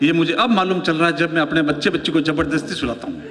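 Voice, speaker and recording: A man's voice: fairly high pitch, fast, fairly bright tone. A middle-aged man performing humorous poetry and storytelling for a live audience, joking with them as he goes. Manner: storytelling, playful, audience banter. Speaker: stand-up poet. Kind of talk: humorous Hindi poetry recital. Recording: long hall reverb.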